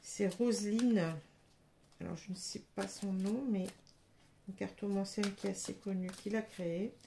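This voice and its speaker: A woman with a French accent reads tarot cards for her viewers in an unhurried, hesitant way, with plenty of fillers along the way. Her voice has a gravelly edge. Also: medium pitch, steady tone, mellow, a little hiss or hum. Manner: hesitant, many fillers, addresses viewers directly. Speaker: tarot reader. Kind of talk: casual tarot reading monologue.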